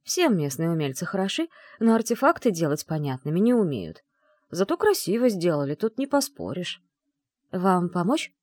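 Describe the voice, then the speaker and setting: A woman narrating a first-person fantasy audiobook in an expressive, chatty manner. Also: fairly low pitch, fairly quick, no room sound.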